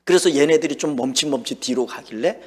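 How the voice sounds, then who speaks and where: A pastor telling a dream story in a sermon, acting out his own words and shouts. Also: a little high, fast talker, slightly rough. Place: church sanctuary. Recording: long hall reverb.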